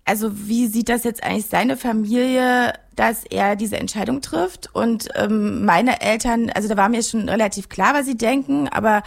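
A woman's voice: a little high, normal speed, gravelly, hardly any pauses. A German woman in her forties, a filmmaker being interviewed, talking reflectively and searching for her words. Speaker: filmmaker guest. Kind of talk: interview conversation.

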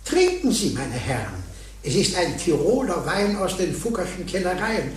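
An actor playing a polite, formal professor at a medieval university, in an old radio play. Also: male voice, sits high, sing-song, normal speed, slight background noise. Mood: courteous. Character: courteous male medieval professor.

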